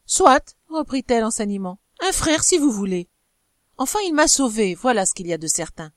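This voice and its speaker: A woman's voice: normal speed, no echo, studio quality, natural voice. A woman doing a young wife pleading earnestly. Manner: pleading, earnest, higher and animated.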